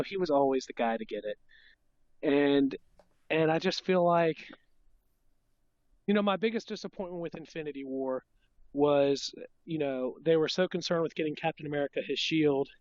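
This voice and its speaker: A man chatting casually as a podcast host about films, halting and restarting, with a congested smoker's rasp from being under the weather. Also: on the high side, darkish tone, dry recording. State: sick, coughing under-the-weather voice. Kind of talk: casual film fan chat. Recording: dull lo-fi, dry sound.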